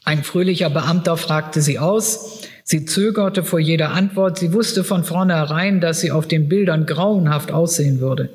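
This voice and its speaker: A man giving a measured literary reading aloud at a public event. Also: on the high side. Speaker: reader. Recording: reverberant hall.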